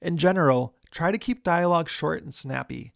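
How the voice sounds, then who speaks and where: A man who hosts a screenwriting show, giving writing tips in a relaxed, chatty way. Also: on the high side, moderate pace, creaky, no echo, studio quality. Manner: relaxed, chatty, many fillers. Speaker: screenwriter and podcast host. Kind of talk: casual instructional talk.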